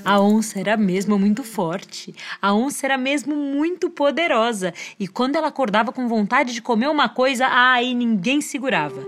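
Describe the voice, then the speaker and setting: A woman with a Brazilian accent telling stories to children in a playful, expressive, inviting fireside storytelling manner. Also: fairly high pitch, normal speed, hardly any pauses. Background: music.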